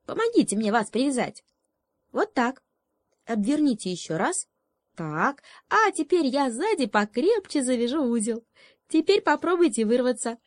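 A woman voicing a small, brave young frog who talks quickly and bossily in a dry storybook reading. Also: high voice, very animated, no echo, pitched above the performer's own voice. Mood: bossy. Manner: quick, bossy and triumphant, croaks.

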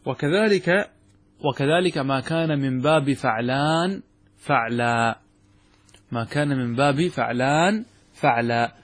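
A man teaches a grammar lesson in a husky, mid-pitched voice. He works through examples step by step and keeps checking that his students follow. The sound is dry and close to the mic. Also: dry recording. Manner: explains step by step, checks understanding with quick questions. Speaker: sheikh teaching Arabic grammar. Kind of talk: classroom lecture.

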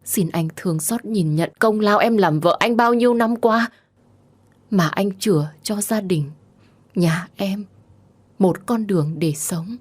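A woman voicing a wronged young wife who pleads through tears, her voice climbing in shrill, tearful outbursts. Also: measured pace, lightly acted. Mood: bitter pleading. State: crying.

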